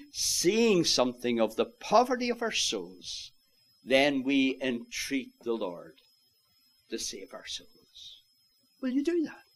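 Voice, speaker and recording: A man preaching an evangelistic sermon, earnestly pleading with his listeners and rising to loud, impassioned calls. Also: on the high side. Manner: old-fashioned biblical phrasing.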